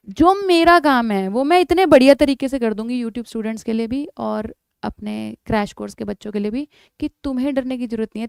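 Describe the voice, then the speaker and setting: A woman's voice: on the high side, gravelly, darkish tone, clear, resonant tone, dry recording, studio quality. A woman teaching an exam revision lesson in biology, emphatic and coaxing, often calling her students "beta".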